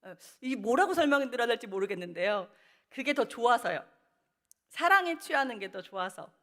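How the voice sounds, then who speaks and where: A woman's voice: a little high, very animated, moderate pace, bright, forceful tone. A middle-aged woman speaking as a guest at a church prayer meeting, telling a personal testimony and acting out her past words, laughing and tearful. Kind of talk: testimony talk. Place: church sanctuary.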